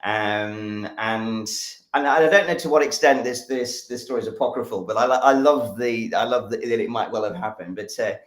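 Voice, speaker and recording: During a live stream, an English science educator enthusiastically explains a demonstration, rambling and leaning on lots of fillers. His mid-range voice comes at normal speed with a roomy sound.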